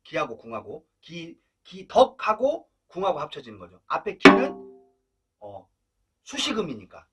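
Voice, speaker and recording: A man's voice: a little high, wildly swooping pitch, unhurried, fairly bright tone, husky, faint music behind. A man teaching traditional Korean drumming step by step, counting beats aloud, chanting drum syllables, and coaxing learners to breathe and not rush. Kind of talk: step-by-step instrument lesson. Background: drum playing.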